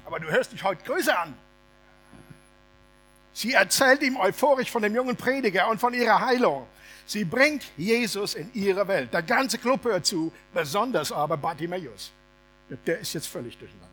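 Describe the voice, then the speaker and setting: A male preacher giving a sermon as a lively, humorous, colloquial story. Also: sits high, moderate pace, soft background music.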